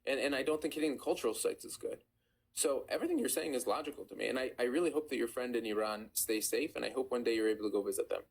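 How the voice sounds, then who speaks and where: A man's voice: mid-range voice, gravelly, a little hiss or hum. An Iranian-American man hosting a live stream, chatting casually with callers and affirming their points. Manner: fast, conversational, affirming callers.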